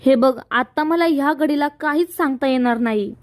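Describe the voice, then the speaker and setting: A woman voicing a calm young male doctor who speaks carefully. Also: high voice, normal speed, natural voice.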